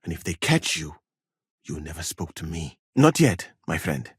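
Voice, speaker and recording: An actor playing a learned, courteous physician from Mali in a video game, a husky voice and measured, formal phrasing. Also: male voice, a bass voice, very animated, no echo, studio quality, exaggerated voice. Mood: calm, practical. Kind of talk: video game character dialogue.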